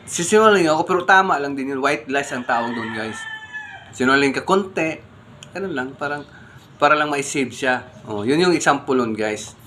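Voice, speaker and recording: A man talks casually to his vlog audience, his bright voice running through one rhetorical question after another. He keeps the tone conversational and unhurried. Faint background noise sits behind him. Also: mid-range voice, expressive. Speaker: vlogger. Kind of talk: casual morning vlog talk.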